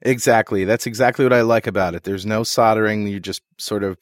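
Speaking fairly quickly with a lowish voice and fairly even intonation, this tech podcast co-host jokes around in casual studio chat. He tells loose stories packed with fillers and restarts, recorded without echo.

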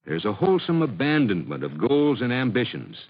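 A man speaking in a deep voice disguised to hide his identity, giving grave, measured answers as an anonymous doctor. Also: wildly swooping pitch, lo-fi sound, soft background music. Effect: disguised deep voice, altered to hide identity. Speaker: anonymous doctor being interviewed.

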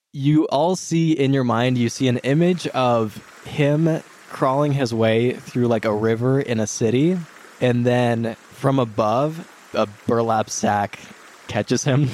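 A man's voice: mid-range voice, takes it slowly. A man narrating a tabletop game as game master, in a casual, conversational way. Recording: clear background noise.

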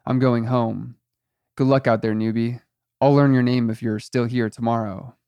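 Impatient grumpy guard, clipped and dismissive; man reads him, plain middle pitch. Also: steady tone, moderate pace, warm tone, clear, resonant tone, no room sound, lightly acted. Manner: curt and impatient. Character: grouchy, impatient male day-shift guard.

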